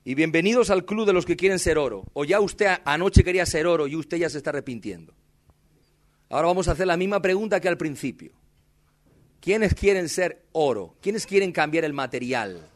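A man's voice: on the high side, expressive, a little fast. A male pastor, preaching a sermon with impassioned, dramatic emphasis and addressing the congregation directly. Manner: tells personal stories with dramatic emphasis.

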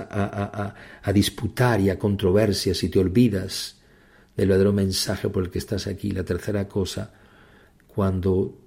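Impassioned preacher, man, mellow low voice. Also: gravelly. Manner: impassioned, repetitive, with sudden high emphatic outbursts. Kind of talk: sermon.

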